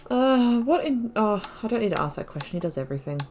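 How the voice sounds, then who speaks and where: This is a gaming YouTuber whose voice sits on the higher side yet has a darkish tone; she talks fast and expressively. In casual playthrough commentary, she voices the dialogue options and ponders aloud, with a little hiss or hum audible.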